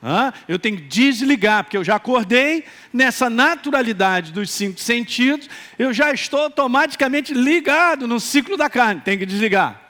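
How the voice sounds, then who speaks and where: Male pastor, Minas Gerais accent, high and very expressive, animated sermon with humor. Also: normal speed, hardly any pauses. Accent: Minas Gerais Brazilian Portuguese. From Brazil, Minas Gerais. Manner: animated, joking, calls out for responses.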